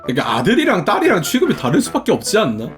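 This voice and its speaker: A young man sits in his room at home and chats casually with his viewers, thinking out loud in a playful way. His voice sits a little high and swings widely in pitch, full of animation. Soft background music plays faintly beneath him. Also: wildly swooping pitch, very fast. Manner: chatty, playful, muses aloud. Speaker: streamer.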